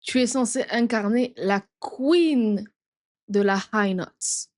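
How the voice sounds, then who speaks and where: A woman's voice: a little high, slow pace, darkish tone, no echo, clean studio sound. A woman giving frank, opinionated commentary on a TV show she is reacting to. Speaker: reaction video host. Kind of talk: casual commentary.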